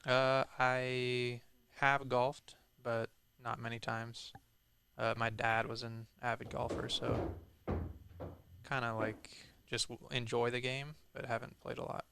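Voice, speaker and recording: A man doing pool play-by-play in a steady, measured way. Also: medium pitch, vocal fry, background noise. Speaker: pool commentator. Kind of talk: casual sports commentary.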